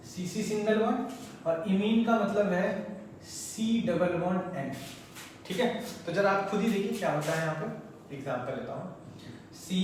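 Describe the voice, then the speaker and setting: Guy teaching chem in a big echoey classroom, mic way off. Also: sits high. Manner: chatty, coaxing, repeats terms slowly for students. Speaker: chemistry teacher. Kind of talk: classroom lecture at a board. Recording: very echoey room, mic far off, faint noise.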